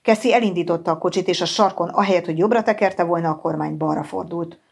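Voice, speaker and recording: Brief: woman audiobook narrator, steady measured reading, slightly low voice. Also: vocal fry, slightly rough. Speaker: audiobook reader.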